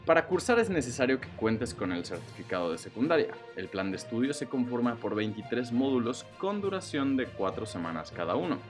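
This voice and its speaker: A Mexican man presents scripted podcast news in a very animated voice, with music underneath. He hits phrase openings with emphasis and lets the endings fall, keeping the wording casual. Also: medium pitch, a little fast, hardly any pauses.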